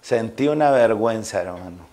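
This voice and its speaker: A man's voice: on the low side, animated, moderate pace, darkish tone. A male pastor with a Salvadoran accent preaching a sermon to a congregation, telling homely personal stories and driving home his points with emphasis. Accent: Salvadoran Spanish. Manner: folksy anecdotes addressed to listeners, rising to emphatic preaching.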